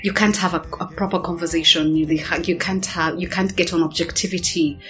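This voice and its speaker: A woman's voice: lowish voice, steady tone, brisk, fairly bright tone. A woman from Uganda talking as a guest on a talk show. She is thoughtful and hesitant, uses many fillers and laughs easily. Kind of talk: casual talk show conversation. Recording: dull lo-fi sound with faint music.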